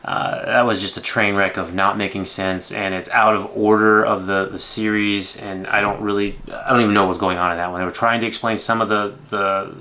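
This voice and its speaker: A man in his thirties with a fairly low voice gives casual film commentary. He talks in a rambling, conversational way as the host of a reaction video. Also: flat delivery, brisk, few pauses, sharp tone, a little hiss or hum.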